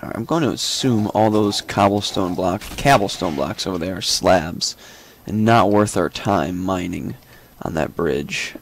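A man's voice: deep voice, unhurried, vocal fry, hardly any pauses, slight background noise. A young man casually commenting as he plays a video game, thinking aloud with lots of fillers and small joking asides. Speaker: gameplay commentator. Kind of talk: casual let's-play commentary.

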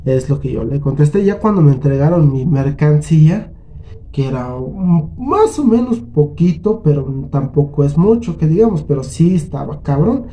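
A man with a Mexican accent tells a story in a slightly high yet very mellow, dark voice. He talks casually and swears freely, acting out both sides of an argument. It suits a relaxed storytelling vlog. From Huasteca region of Mexico. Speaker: channel host.

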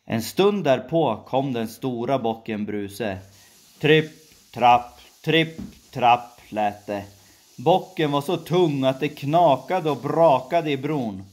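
Storyteller, woman, very low voice, slow deliberate fairy-tale reading with sound effects. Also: animated, dark tone.

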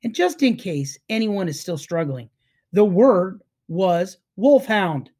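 A woman's voice: medium pitch, animated, slow, mellow. A woman reading aloud, voicing a cheerful female camp leader. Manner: beaming, praising.

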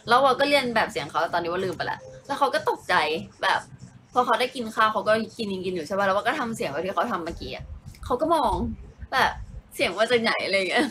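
A woman's voice: medium pitch, a bit bright, a little hiss or hum. Giggly young woman chatting on a live stream. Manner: giggly, chatty, answers comments as she reads them. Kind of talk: casual live-stream chat with viewers. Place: at home.

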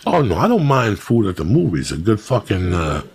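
A middle-aged man hosting a podcast, telling profane, animated stories in casual chat. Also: lowish voice, fairly quick. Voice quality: gravelly. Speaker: podcast host.

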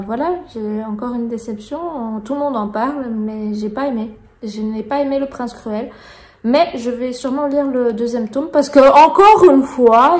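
A woman's voice: on the high side, a little mellow, reverberant. A woman in her thirties with a Belgian French accent, frankly reviewing books in a casual, digressive vlog with many fillers. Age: 30s. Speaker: book vlogger. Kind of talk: casual book review monologue. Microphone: phone camera.

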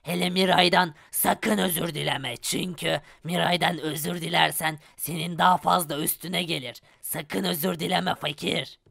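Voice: mid-range voice, steady tone, moderate pace, gravelly, a bit bright, dry recording, clean studio sound. A performer voicing a manipulative villain named Hades in a Minecraft parody, commanding and cold. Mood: menacing.

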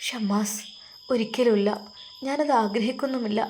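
A timid young woman speaks softly and haltingly, as if close to tears, voiced by a woman telling the story. Her tone is warm and mellow, with a lilt. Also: fairly high pitch, slight background noise, lightly acted. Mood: hesitant. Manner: quiet, hesitant, close to tears. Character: worried young woman, soft and pleading.

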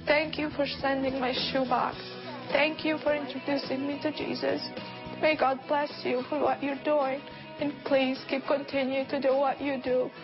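A middle-aged woman tells her story in earnest, heartfelt words, her voice pitched a little high. The sound is dull and muffled, and music plays clearly underneath. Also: little pitch movement, moderate pace. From Bosnia. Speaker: testimony speaker. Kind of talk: personal testimony. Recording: muffled video clip with music behind.

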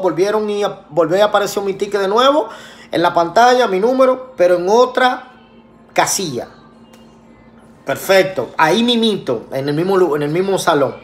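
A man's voice: high-pitched, animated, fairly quick, faint music behind. A man vlogging a casual personal story, chatty with many fillers and restarts, acting out both sides of conversations. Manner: acts out both sides of dialogues.

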